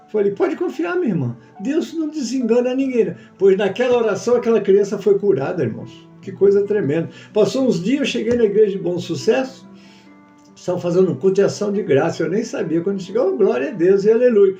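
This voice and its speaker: A man preaching as a pastor, telling a testimony and acting out the dialogue in a lively storytelling manner. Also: sits high, dull audio. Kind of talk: sermon testimony. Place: church.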